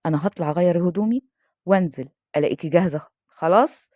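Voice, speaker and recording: A woman's voice: on the low side, rapid-fire, mellow, no echo, clean studio sound, close to an everyday voice. A woman voicing a caring, insistent grown man who speaks with an Egyptian accent. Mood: coaxing. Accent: Egyptian Arabic. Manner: coaxing, insistent.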